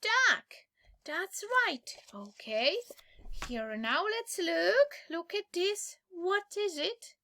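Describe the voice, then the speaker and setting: A woman's voice: very high-pitched, lively intonation, drawn-out words, pushed and bright. A woman with a Polish accent teaching English to small children, as if reading to a toddler, in an exaggerated sing-song manner with much repetition. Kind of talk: simple language lesson for small children.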